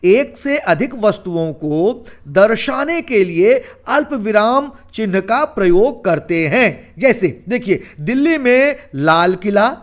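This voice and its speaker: Male Hindi teacher, very high voice, slow and deliberate delivery, asks rhetorical questions. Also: animated. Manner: asks rhetorical questions and answers them himself. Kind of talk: classroom lesson explanation.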